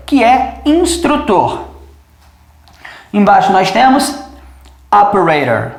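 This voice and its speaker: A Brazilian man teaching an online English pronunciation lesson. He explains patiently, slowly repeats each word and ends his phrases with a questioning tag. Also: high-pitched. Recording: roomy echo.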